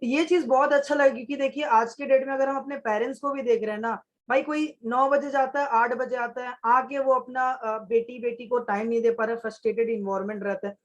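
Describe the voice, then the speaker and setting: A man's voice: extremely high pitch, steady tone, fairly quick, hardly any pauses. A man speaking on a webinar panel in mixed Hindi and English, with some hesitant fillers. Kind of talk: panel talk.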